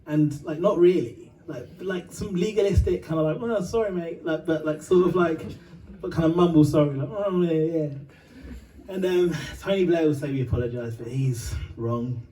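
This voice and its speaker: A man's voice: a little high, normal speed, few pauses, warm tone, recorded from a distance, rough recording. A man from Uganda and Britain telling a long, rambling story between songs, full of fillers, swearing and laughter.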